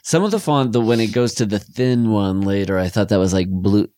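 Low-voiced man, rambling podcast co-host. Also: brisk, dark tone, no echo, studio quality. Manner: jokey, rambling, trailing off into fillers. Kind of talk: casual film discussion.

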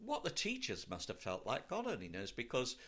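With wildly swooping pitch and a brisk, pushed, bright delivery, an older man with a mid-range voice and an RP accent tells anecdotes about his life. He is an actor from Wales, later London, appearing as a guest in a conversational interview.

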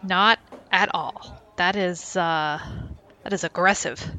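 A woman's voice: on the low side, steady tone, slow, sharp tone. A woman playing a tabletop game, talking casually and hesitantly with many fillers. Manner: hesitant, full of "like" and "uh". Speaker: player and co-host.

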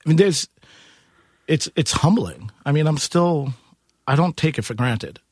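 A man from Queens, New York, who owns a bar and music venue, tells stories as an interview guest. His fairly high, husky, slightly mellow voice is animated and measured, with no room sound, and he casually drops into quoted dialogue.

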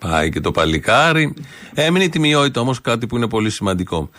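A man hosting a radio show, delivering dry, measured and sarcastic commentary into a studio microphone. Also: mid-range voice, sing-song, music in the background. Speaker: radio host.

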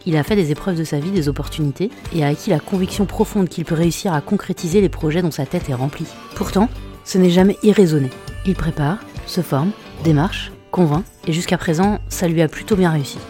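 A podcast host reading a scripted introduction to the episode, brisk and composed. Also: medium pitch, dark tone. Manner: brisk, read aloud. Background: guitar music.

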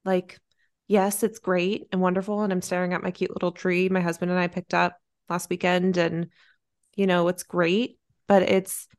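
A young woman co-hosting a casual podcast chat, gentle and supportive in a reflective way. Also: lowish voice, level tone, moderate pace. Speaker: podcast co-host.

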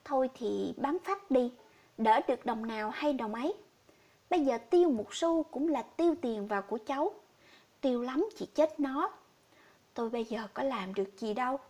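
A woman's voice: fairly high pitch, moderate pace, darkish tone. Woman voicing a grieving poor old man. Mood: sorrowful. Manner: sorrowful, pleading.

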